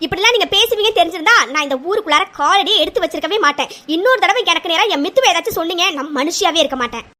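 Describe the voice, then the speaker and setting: A woman's voice: extremely high pitch, expressive, very fast, sharp tone, exaggerated voice. A woman voicing a protective middle-aged mother in a cartoon serial, firm and defiant. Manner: firm, pleading then defiant.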